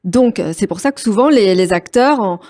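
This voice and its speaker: A woman's voice: medium pitch, animated, normal speed, mellow. A woman guest on an interview podcast, talking casually about voice-over work, with frequent hesitations and fillers. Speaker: guest, voice-over artistic director.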